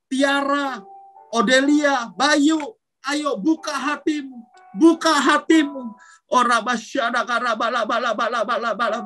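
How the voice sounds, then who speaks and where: A man's voice: high-pitched, a bit bright, low-quality recording. A man, a youth pastor preaching casually with slang and praying aloud in tongues while calling out names. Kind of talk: youth sermon and prayer in tongues.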